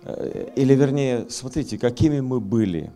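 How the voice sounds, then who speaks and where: A male pastor preaching a sermon emphatically with repeated key phrases, his voice booming with a hollow effect as if inside a metal tank. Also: lively intonation, moderate pace, mellow. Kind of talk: sermon to a youth gathering. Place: hot hall, speaking over a sound system with monitors. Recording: boomy barrel-like hall sound effect, music behind.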